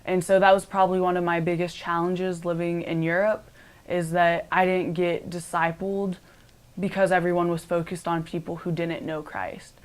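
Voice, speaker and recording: A woman's voice: on the low side, flat delivery, normal speed. A young woman from Cambodia, now a college student, giving casual interview answers with lots of "like" and "um". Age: young adult. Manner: chatty, many "like" and "um" fillers.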